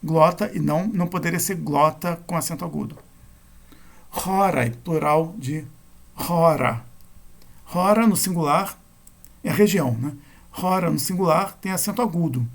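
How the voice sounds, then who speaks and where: A man's voice: fairly high pitch, moderate pace, vocal fry. A man giving a recorded grammar lecture, explaining rules step by step and correcting himself as he goes. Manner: methodical, self-correcting explanation. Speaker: Greek grammar teacher.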